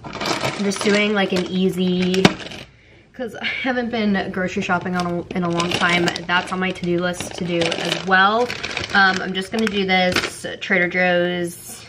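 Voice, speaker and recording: Doing her hair and starting dinner, a young lifestyle vlogger speaks casually to the camera in a relaxed way thick with fillers. Her voice is on the low side and unhurried. A camera mic at arm's length or on a stand records her in an echoey bathroom and kitchen with faint background noise.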